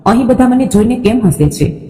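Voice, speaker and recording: A woman's voice: on the high side, lively intonation, brisk, long reverb tail, close to an everyday voice. A woman reading a modest young bride. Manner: soft, modest. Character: quiet humble young village bride.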